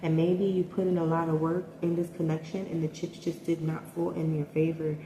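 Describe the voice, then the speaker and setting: A woman's voice: low voice, level tone, fairly quick. A woman giving a casual tarot reading, thinking aloud and hesitating often. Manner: hesitant, thinking aloud with many ums and likes. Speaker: tarot reader. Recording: echoey room with faint noise.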